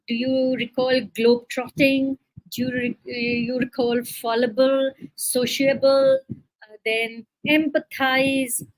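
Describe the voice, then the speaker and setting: Higher-voiced woman teaching vocabulary live. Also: no room sound, low-quality recording. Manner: reads a story aloud, then explains and quizzes learners; chatty, with fillers. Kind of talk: live-streamed vocabulary lesson.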